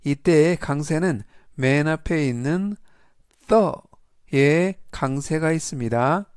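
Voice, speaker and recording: Very slow, deliberate male language teacher. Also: fairly high pitch, dry recording, clean studio sound. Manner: spells out stress and meaning, models English words loudly. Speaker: English vocabulary teacher. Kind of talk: slow scripted vocabulary lesson.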